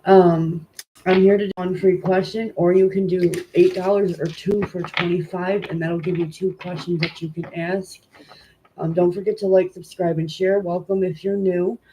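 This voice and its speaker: A congested woman with a stuffy nose hosts a tarot live stream from home, greeting viewers and chatting casually between card readings. Her fairly low voice is flat and moves at normal speed, rambling and informal with plenty of "um" fillers. The audio is noisy.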